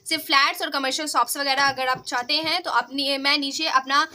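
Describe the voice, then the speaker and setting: A young woman who works in real estate, giving viewers a short, casual promotional pitch in a home vlog. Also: steady tone, brisk, sharp tone.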